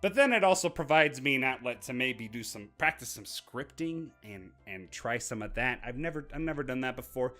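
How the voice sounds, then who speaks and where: A young man vlogging to his viewers, rambling and self-mocking in an unscripted outro, talking in a raspy voice while he stands in front of the camera. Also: mid-range voice, expressive, fairly quick, few pauses, bright, forceful tone, faint music behind. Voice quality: raspy put-on voice. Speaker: YouTuber. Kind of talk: unscripted vlog outro talk. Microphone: filmed standing.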